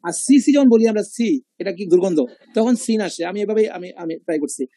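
High, mellow-voiced man teaching. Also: fast, dry recording. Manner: explains pronunciation step by step, repeating sounds. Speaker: Quran class teacher. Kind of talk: online class discussion.

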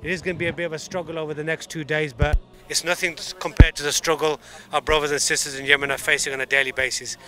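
A man's voice: a little high, level tone, quick pace, few pauses, a bit bright, faint music behind. A man casually narrating the scene to camera outdoors before a group bike ride. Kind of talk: casual vlog talk.

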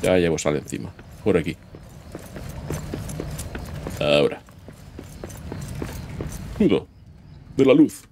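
A man's voice: deep voice, very animated, slow pace, long pauses, a little mellow, a little hiss or hum. A man giving casual gameplay commentary, chatting to himself as he plays and letting out sudden yelps. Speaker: gaming YouTuber. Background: game music.

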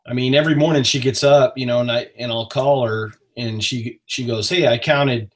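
Relaxed man hosting a video call. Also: mid-range voice. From northern Maine. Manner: relaxed, friendly, with frequent "uh" pauses. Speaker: host. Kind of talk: casual live-stream chat. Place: small home office. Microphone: webcam on a video call.

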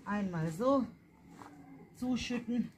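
A mother vlogs casually at night while planting in her garden, chatting straight to her viewers in a family vlog. Her voice is fairly high, expressive and darkish, and she speaks slowly over a faint hiss or hum.

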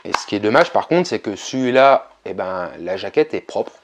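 A man narrating a casual vlog, relaxed and chatty, with frequent hesitations. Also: fairly low pitch, moderate pace, noisy background. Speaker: video game collector vlogger.

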